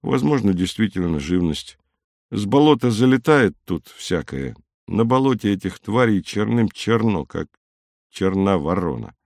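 A steady, matter-of-fact young driver, read by a man in an audiobook. His voice sits low and sounds close and dry. He talks plainly, with a touch of apology. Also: measured pace, no room sound. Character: young male planetary rover driver, calm and dutiful.

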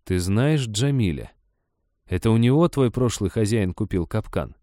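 A man doing a gruff, nervous forester from an audiobook, blunt and grumbling. The voice runs low and dark, mellow in tone, and the recording is close and dry. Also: animated, normal speed, no echo, close to an everyday voice. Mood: gruff wary.

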